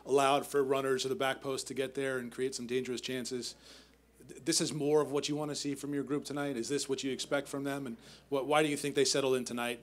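A male reporter at a press conference asks a long, detailed question. His voice sits at a middle pitch. He adds fillers as he builds up to the point. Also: level tone, fast talker.

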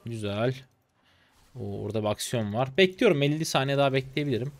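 A man in his twenties from Turkey, a streamer commentating his game live in an excitable, chatty way, talking to his viewers and teasing opponents. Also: medium pitch, fast talker, no room sound. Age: 20s. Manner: excitable, chatty, talks to chat, bursts of laughter and teasing.

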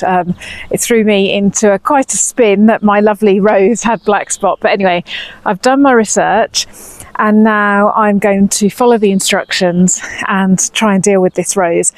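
A woman's voice: mid-range voice, dry recording, poor audio. A woman in her fifties with an English accent, chatting casually to camera on a lapel mic while pruning in her garden, a little anxious. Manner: chatty, slightly anxious, talks while working. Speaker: vlogger. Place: outdoor cottage garden.

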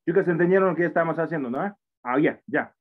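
Speaking fast in a fairly high voice, this forties-aged man gives an online English lesson in Spanish with a foreign accent, since Spanish isn't his first language. He's patient and encouraging and repeats himself a lot. He sits at a computer indoors, and the video-call mic sounds thin and phone-like.

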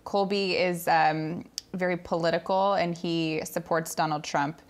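A woman's voice: fairly low pitch, steady tone, unhurried. A young woman hosting an interview show, asking questions in a conversational style. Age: young adult. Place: indoor living-room style studio set.

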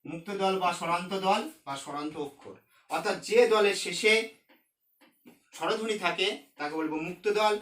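A male teacher with a high, bright voice explains a lesson step by step. He goes slowly and repeats his key terms again and again. The room around him rings with echo. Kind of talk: recorded classroom lesson.

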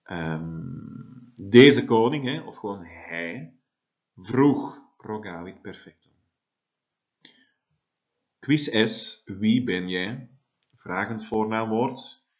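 Slow, low-voiced teacher explaining. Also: male voice, expressive, highs cut off. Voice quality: explains step by step, many tag questions. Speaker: Latin teacher. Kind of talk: classroom lesson.

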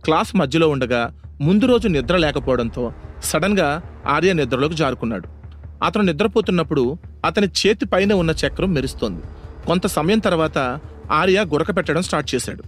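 A man's voice: a little high, lively intonation, fairly quick, soft background music. A man narrating a scripted audio story in a dramatic storytelling manner.

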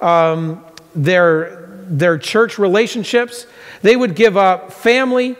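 A pastor in his forties preaching from a church stage, earnest and conversational, often repeating his phrases for emphasis. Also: sits high. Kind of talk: sermon. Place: large church stage with band gear. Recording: long hall reverb in a sanctuary.

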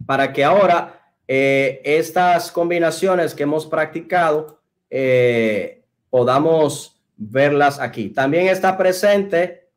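Slow-talking man teaching English. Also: fairly high pitch. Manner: slow, deliberate, repeats phrases for drilling. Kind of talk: online English pronunciation lesson.

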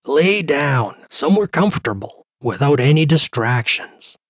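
A calm male therapist leads a breathing exercise in a slow, soothing storybook voice, as a man reading the story plays him. His tone is husky and unhurried. The sound is close and dry. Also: fairly high pitch, no room sound, voice pushed up, full character voice.

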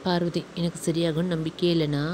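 A woman voicing Parvathi, a hurt young wife who speaks softly and pleadingly. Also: lowish voice, little pitch movement, quick pace, slight background noise, close to an everyday voice. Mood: tearful.

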